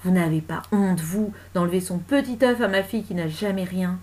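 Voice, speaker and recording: A woman's voice: lowish voice, a little fast, a little mellow, lightly acted. A woman doing a screaming enraged mother. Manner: screaming, defiant. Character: furious humiliated cleaning woman, fierce mother. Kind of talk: storybook reading.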